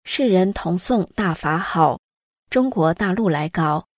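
A woman reading scripted news stories aloud in an even storytelling delivery. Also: lowish voice, a little slow, no echo, studio quality. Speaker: news reader.

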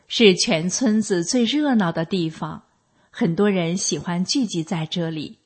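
An older woman reads a personal story aloud for a radio broadcast, taking her time over each phrase. Her voice is a little husky and breathy. The delivery is plain and measured, with no dramatics. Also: medium pitch, a little mellow. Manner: slow, measured, plain reading. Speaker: radio reader of a testimonial. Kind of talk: scripted first-person narration.

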